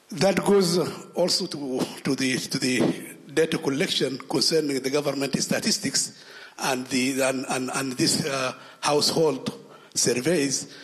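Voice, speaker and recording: A man, from Sudan, asking a long question in a conference hall, stumbling over repeated words. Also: medium pitch. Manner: halting, many repeated words and restarts. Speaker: audience member asking a question.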